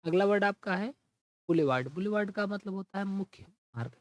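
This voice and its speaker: A man teaching an English vocabulary lesson, explaining each word in Hindi and reading the English definitions slowly. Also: sits high, lively intonation, no echo, rough recording. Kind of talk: exam-prep vocabulary lesson.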